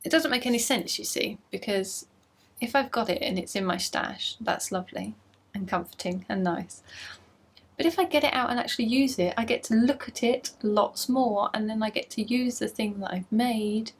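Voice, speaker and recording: Bubbly, breathy woman. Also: a little high, moderate pace. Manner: chatty and bubbly, gushing over yarn. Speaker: podcast host. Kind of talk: casual video podcast chat.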